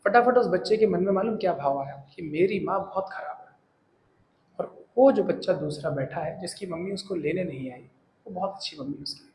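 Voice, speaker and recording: A man teaching, giving an earnest, animated motivational talk to his students. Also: sits high, fairly quick, echoey room, a little hiss or hum, poor audio.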